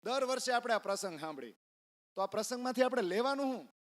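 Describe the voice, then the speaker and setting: A man's voice: extremely high pitch, fast talker. A man giving a storytelling sermon in a temple, acting out the voices in the story. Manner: animated, acts out the voices in the story. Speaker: religious discourse speaker. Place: temple hall.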